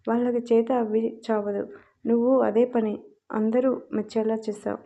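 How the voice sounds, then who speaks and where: A man's voice: very high voice, flat delivery, measured pace, creaky, mellow, highs cut off, heavily acted. A woman reading as a serious young husband. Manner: serious, reassuring. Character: calm, protective young husband.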